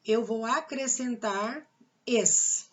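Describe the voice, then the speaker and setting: A woman's voice: fairly high pitch, very slow, dull audio. A woman teaching a grammar lesson with a Brazilian Portuguese accent, patiently repeating the rules and asking rhetorical questions.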